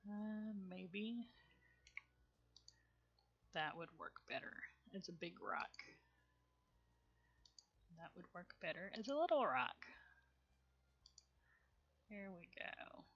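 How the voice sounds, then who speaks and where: A woman's voice: medium pitch, lively intonation, slow, pauses often, dull audio. A woman with a Southern US accent, streaming a game in casual commentary, chatty and rambling, muttering to herself and laughing often.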